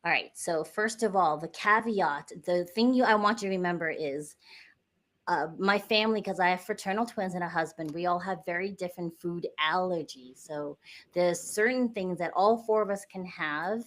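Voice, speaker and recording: A woman's voice: fairly low pitch, normal speed, a bit bright. A middle-aged woman from the United States, a podcast guest chatting casually and explaining things step by step with a few fillers. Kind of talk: casual interview chat.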